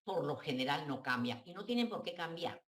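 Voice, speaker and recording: A woman's voice: sits low, animated, fairly quick, fairly bright tone, reverberant. A woman psychoanalyst, giving direct, frank advice to a listener on a talk show.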